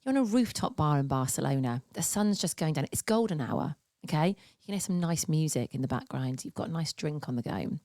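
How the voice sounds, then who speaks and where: Female British co-host, late 30s, raspy and husky, playful casual chat, lively swings in pitch. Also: fairly quick, few pauses, no echo, clean studio sound. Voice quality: husky rasp, especially in laugh. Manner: chatty, playful. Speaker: podcast co-host.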